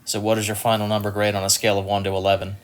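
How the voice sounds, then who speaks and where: A man's voice: lowish voice, completely flat delivery, very fast. A man co-hosting a film review, making dry, matter-of-fact remarks in casual chat.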